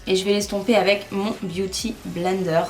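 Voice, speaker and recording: With a mid-range voice and fairly even intonation, a young woman talks her way through a makeup tutorial at a moderate pace. This beauty vlogger is casual and self-mocking, and the echoey room carries faint music behind her.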